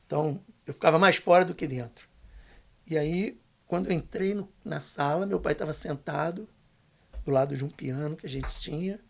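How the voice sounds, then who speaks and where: An older man, a podcast guest telling a testimony story, emphatic and slangy, going hushed when quoting others. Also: fairly high pitch, moderate pace, gravelly. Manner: emphatic, slangy, dips to a hushed voice for quoted lines.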